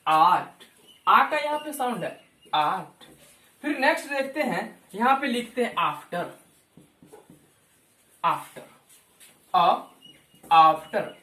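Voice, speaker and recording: A man teaching a lesson as a YouTube teacher, repeating each word slowly and stretching it out to show the pronunciation. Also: extremely high pitch, sharp tone, echoey room. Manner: drawn-out, repeats words for pronunciation. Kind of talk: slow explanatory lesson.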